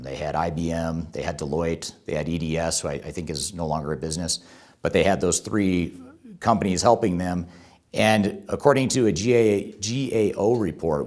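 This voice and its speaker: A man with a very deep voice hosts a top ten countdown video. He delivers it as a semi-scripted explainer. He tends to restate key points to drive them home. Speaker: YouTube host and presenter.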